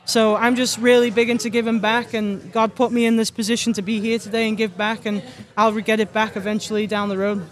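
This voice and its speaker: Speaking fairly quickly with few pauses, this young Liverpudlian golf pro has a slightly high voice and a level tone. Her accent blends Scouse with Irish, and she handles the interview questions in an upbeat, chatty manner.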